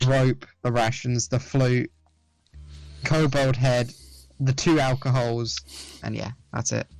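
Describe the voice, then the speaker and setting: A man voicing his own character in a tabletop game, chatty and a little halting as he lists what he carries. The sound is dry, with quiet music playing behind him. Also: mid-range voice, flat delivery, vocal fry, no room sound, poor audio. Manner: chatty, listing items with pauses. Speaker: player. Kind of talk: in-character tabletop play over voice chat.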